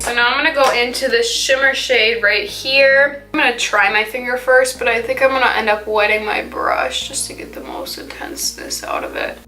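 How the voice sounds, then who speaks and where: This teen girl's voice is a little high and holds a steady tone, at normal speed with few pauses. As a beauty vlogger, she talks casually through her makeup, peppering in "like" and trailing off partway through thoughts. The recording has an echoey room sound and faint music.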